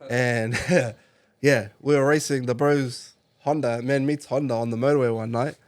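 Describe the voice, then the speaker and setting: A man from Iraq, a car club member talking as a guest in a relaxed casual interview, laughing often and using slang fillers. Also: medium pitch, moderate pace, no room sound, studio quality.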